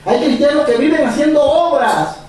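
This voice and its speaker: A male pastor preaching a sermon, animated and repetitive, chuckling as he speaks. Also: very high voice, normal speed, a little hiss or hum. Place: church hall. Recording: echoey church from far off.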